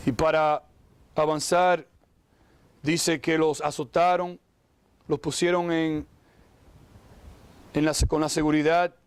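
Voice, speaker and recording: Speaking slowly with long pauses, a high-voiced pastor delivers a lively, exclamation-filled sermon in a clean tone. He frequently says "wow," questions his audience directly, and briefly performs the voices of Bible characters.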